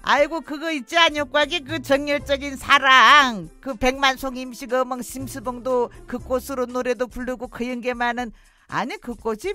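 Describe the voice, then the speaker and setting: A middle-aged Jeju housewife in a radio drama, speaking in a thick Jeju accent. Her voice sits high and bright, and she rambles on wistfully, sighing between memories. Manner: rambling, reminiscing, sighing "aigo".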